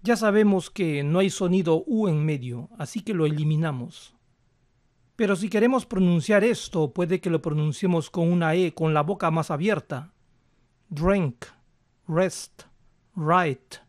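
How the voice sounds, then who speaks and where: A man calmly explaining English pronunciation step by step as a language teacher, slowing down to model words. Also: on the high side, dry recording, studio quality. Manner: calm, methodical, slows down to model words.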